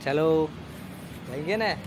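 This vlogger dad, in his thirties, teases and chats with his little boy at home while holding the phone out at arm's length. He speaks a little slowly in a fairly high voice, and noticeable background noise comes through in the small indoor room.

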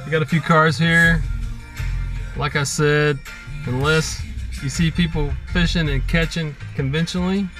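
A middle-aged man from Texas talking casually to camera from inside his car, relaxed and chatty with many fillers, recorded on a dashboard action camera. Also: fairly high pitch, a little slow, music in the background. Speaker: fly fishing vlogger. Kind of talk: casual vlog talk to camera.

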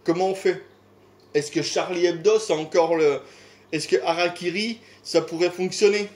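Speaking at a normal speed with fairly even intonation, this middle-aged man has a high voice and a French accent. He's a YouTuber wandering through a casual video monologue. Hesitation marks his delivery, with frequent sighs, filler sounds and rhetorical questions.

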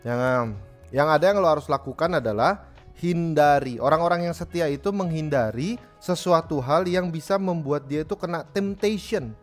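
A man chats casually on a livestream, reading viewer messages aloud and answering with joking, slangy advice. His voice sits a bit higher than most men's, and soft music plays faintly behind him. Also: moderate pace.

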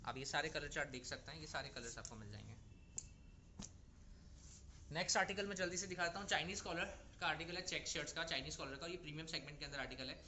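Fast and sharp-toned, with a fairly high pitch and fairly even intonation, a young wholesale seller pitches garment stock to retailers in a clothing warehouse. His sales patter is persuasive and reassuring, and there's slight hiss or hum on the recording.

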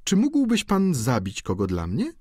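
A man's voice: mid-range voice, wildly swooping pitch, moderate pace, darkish tone, dry recording, studio quality. A man voicing a refined, proud young viscountess in an audiobook, with a composed manner. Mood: tender.

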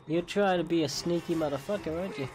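A man's voice: a little high, fast talker, background noise. A man commentating on his game with theatrical, mock-menacing, sweary taunts at other players. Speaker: gamer playing the killer in an online horror game. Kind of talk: gameplay commentary with taunting banter.

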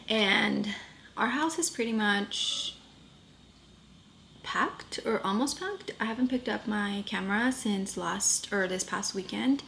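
A woman's voice: mid-range voice, a bit bright, slight background noise. A young woman talking casually to her camera in a vlog, chatty and rambling with fillers, at home and in her car. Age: young adult. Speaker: vlogger. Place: home kitchen, then inside a parked car.

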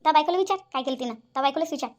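A bossy cartoon mother-in-law, voiced by a woman, nags and scolds in a high voice, her words tumbling out fast. She speaks with a sarcastic edge. The voice suits a family moral-story cartoon. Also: natural voice. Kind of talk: cartoon voice acting.

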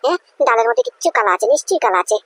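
A woman's voice: fairly high pitch, very animated, very fast, husky, no room sound. A woman voicing a humble, polite young man in a cartoon who stays suspicious. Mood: wary. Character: humble young man, the boss's son-in-law.

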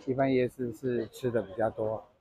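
A man's voice: mid-range voice, moderate pace, breathy edge, low-quality recording. A man casually guiding viewers through an outdoor night market, explaining what is sold as he walks. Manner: relaxed, explanatory, inviting viewers along. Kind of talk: casual walking tour narration.

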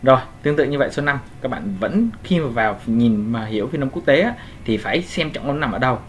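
A man at a medium pitch giving a casual pronunciation lesson. He talks patiently, repeats each sound slowly and keeps asking his listeners whether they follow. A faint hiss sits under his voice. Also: lively intonation. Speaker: English pronunciation teacher.

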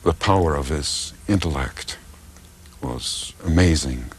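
Older man with a very deep voice. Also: slow pace, husky. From United States. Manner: thoughtful, hesitant, many fillers and restarts. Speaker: political philosopher and translator. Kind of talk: interview answers.

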